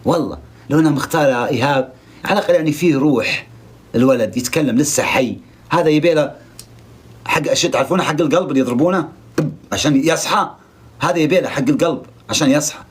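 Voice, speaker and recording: A man's voice: a little high, quick pace. A young man giving comic, sarcastic commentary on a reality show, scolding and mocking the people in it.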